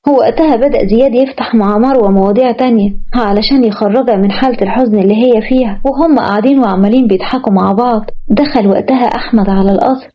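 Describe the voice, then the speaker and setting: A woman with an Egyptian accent narrating a romance story in a brisk, steady way. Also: on the high side. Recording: muffled lo-fi recording.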